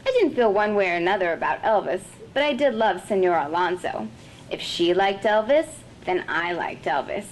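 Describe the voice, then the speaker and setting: A woman author reading her own fiction aloud at a literary festival, measured and expressive. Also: medium pitch, a little hiss or hum, poor audio.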